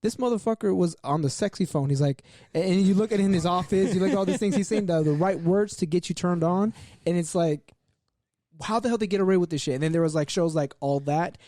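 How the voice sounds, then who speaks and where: A young man on a podcast with a fairly high, mellow voice. He makes his points in an emphatic, profane run of talk. The sound is dry and close, with no room echo. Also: fairly quick. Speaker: podcast co-host. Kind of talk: casual chat.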